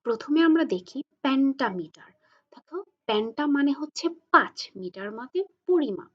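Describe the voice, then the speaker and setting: Woman lecturer, higher voice, patient self-questioning, dull lo-fi sound. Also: lively intonation. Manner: patient, asks and answers her own questions; slows and stretches English examples. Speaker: English lecturer. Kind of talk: explanatory lecture.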